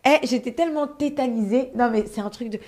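Woman, live storyteller, fairly high voice, dramatic and animated, swears, talks to her viewers. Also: brisk. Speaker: storyteller host of a live stream.

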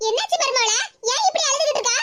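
A woman voicing a coaxing, familiar village woman friend with a Tirunelveli Tamil accent in an animated cartoon. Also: extremely high pitch, quick pace, a little hiss or hum.

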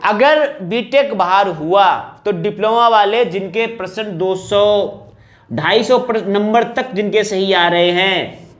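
In an informal update to exam candidates, a man pleads insistently like a coaching teacher, repeating rhetorical questions and appeals. His voice sits high and a bit bright, and he speaks slowly.

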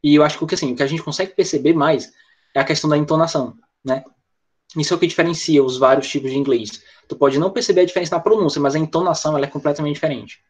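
A man's voice: on the high side, steady tone, rapid-fire. Brazilian man teaching an online class. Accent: Brazilian Portuguese. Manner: explanatory, talks with students by name and reads the chat. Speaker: English teacher. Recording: lo-fi dull audio.

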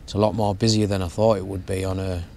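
A young man explaining his fishing setup in a relaxed, step-by-step way while outdoors at a lake. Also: low-pitched, fast, slight background noise. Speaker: fishing vlogger. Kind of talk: casual how-to narration. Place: outdoors at a lakeside bank.

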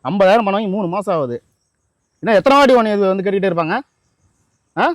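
A man's voice: high-pitched, fast talker, no echo, clean studio sound. A man in a comedy skit playing a loan collector, nagging and insistent, repeating his demands. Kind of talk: scripted comedy skit acting.

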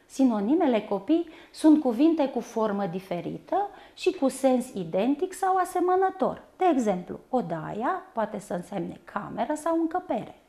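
Slow-spelling teacher woman, higher voice. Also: big pitch swings, creaky, warm tone. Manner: slow, careful, spelling out syllables. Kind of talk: primary school lesson.

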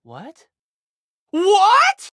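A plucky little gingerbread boy in a game. The voice is very high, bright and excitable, with huge swings in pitch. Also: drawn-out words, no echo, studio quality, exaggerated voice. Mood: alarmed. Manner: eager, exclamatory. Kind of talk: video game cutscene voice acting.

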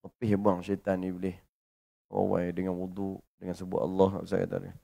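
A man with a Malaysian Malay accent teaching at a religious lecture, his voice a little low. He breaks into chanted verses, and he swings from loud, fervent lines to hushed, intimate asides. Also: completely flat delivery, moderate pace, vocal fry.

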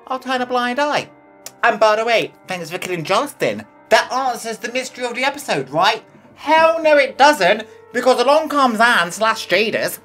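A young British woman hosting a casual, expressive episode review, chatty and swearing freely. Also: mid-range voice. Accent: British English. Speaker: reaction video host.

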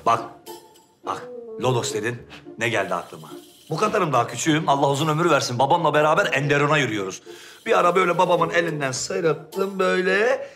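A man's voice: on the high side, expressive, quick pace, a bit bright, soft background music. An actor playing a talkative, rambling Ottoman storyteller in a period drama. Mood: rambling, reminiscing. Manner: talkative, anecdotal.

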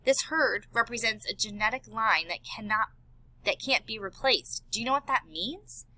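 A woman's voice: on the high side, moderate pace, sharp tone, dry recording, low-quality recording. A woman voicing an earnest male elephant scientist and worried father in an audiobook. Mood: pleading. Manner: earnest, pleading.

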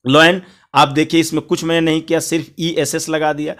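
Higher-voiced male Hindi English tutor. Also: level tone, fairly bright tone. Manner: explains slowly, spells words letter by letter; addresses viewers as friends, repeats each point. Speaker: English teacher. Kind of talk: Hindi grammar lesson.

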